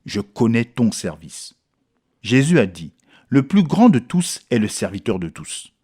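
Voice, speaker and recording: A man's voice: mid-range voice, very animated, unhurried, warm tone, slightly rough. A man reading a sermon text aloud in French, earnest and preacherly. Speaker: reader of a sermon book. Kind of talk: read-aloud sermon exposition.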